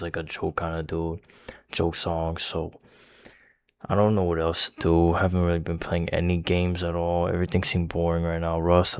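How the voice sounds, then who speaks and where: A young man rambling casually as a music reaction host, talking with a slight lisp from his retainers and swearing often. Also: low voice.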